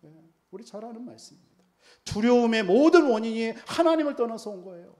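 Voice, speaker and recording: A man's voice: extremely high pitch, expressive, brisk, darkish tone. A male pastor preaching a sermon emphatically, often putting rhetorical questions to the congregation.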